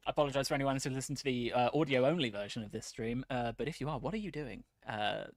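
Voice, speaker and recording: A man's voice: medium pitch, fast talker, no room sound, studio quality. A man streaming a strategy game, chatting casually and telling stories between battles. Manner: chatty, joking, tells stories.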